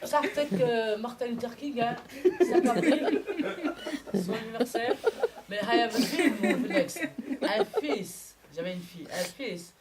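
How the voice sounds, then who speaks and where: A woman's voice: fairly high pitch, a little slow, over a noisy crowd. A middle-aged woman from France doing a chatty stand-up comedy set, acting out bits of dialogue. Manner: chatty, animated storytelling, acts out dialogue. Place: comedy club stage. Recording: comedy club with loud audience laughter. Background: audience laughing.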